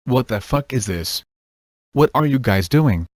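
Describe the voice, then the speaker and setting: A man voicing a panicky, whiny young man who pleads in a strained voice, in a dark comic storybook reading. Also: mid-range voice, animated, slow, dry recording, clean studio sound. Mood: confused.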